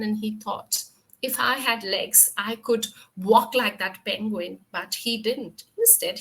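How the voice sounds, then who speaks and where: A woman's voice: on the high side, a bit bright, low-quality recording. A woman speaking at a mental health session, telling a story in a chatty way with many fillers. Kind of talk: storytelling talk.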